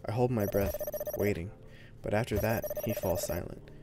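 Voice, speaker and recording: A man's voice: fairly low pitch, moderate pace, loud music behind the voice. A man reading a visual novel aloud and chatting about it, often breaking into laughter. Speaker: let's play host.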